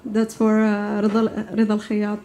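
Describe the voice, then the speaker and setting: A woman's voice: mid-range voice, monotone, normal speed, warm tone. A woman born in Iraq, a singer talking on stage at a live show, hesitant and full of fillers. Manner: hesitant, many fillers, laughs often. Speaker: singer and guest. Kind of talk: live onstage conversation. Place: stage at a live music venue.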